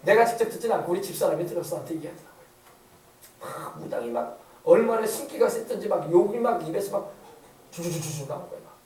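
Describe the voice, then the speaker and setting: Pastor, man, middle-aged, high voice with a mellow tone, emphatic repetitive preaching, echoey church from a distance. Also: animated, fast talker. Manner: rhetorical questions, emphatic repetition. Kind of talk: sermon. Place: church sanctuary.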